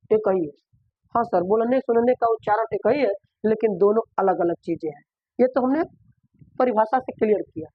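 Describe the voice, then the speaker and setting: A man's voice: very high-pitched, no echo. A man teaching a school math lesson, asking questions and answering them himself, repeating points often. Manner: repetitive, asks and answers his own questions. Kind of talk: classroom lesson. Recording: dull, dry lo-fi recording.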